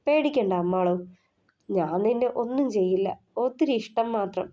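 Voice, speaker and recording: A woman reading the part of a smug, menacing young male senior student, with a slow, smirking, teasing manner. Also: mid-range voice, animated, dark tone, natural voice.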